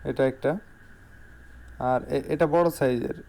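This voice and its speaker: A man's voice: medium pitch, measured pace, dark tone. A man with a Bangladeshi accent giving an informal salesman's product showcase in voice-over, repeating key phrases for emphasis. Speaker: shop salesman.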